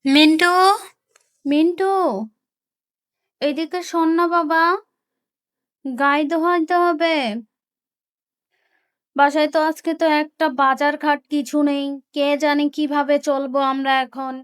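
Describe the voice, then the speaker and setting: A woman's voice: high voice, flat delivery, measured pace, pauses often. A woman doing a worried village mother. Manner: hushed, justifying herself. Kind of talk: doll storytelling voice.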